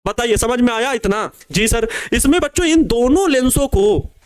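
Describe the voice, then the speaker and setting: A young man teaches a physics crash course for board exams, and his voice sits unusually high. He dictates answers phrase by phrase, going back over each bit slowly, and breaks in with friendly asides to his students. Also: animated, clear, resonant tone. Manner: casual asides calling students babua and babu.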